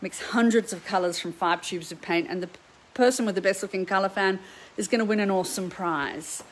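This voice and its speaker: A woman's voice: medium pitch, brisk, low-quality recording. A middle-aged woman with an Australian accent, an art teacher chatting live to viewers from her home painting studio in an upbeat, chatty way. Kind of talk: live stream chat to viewers.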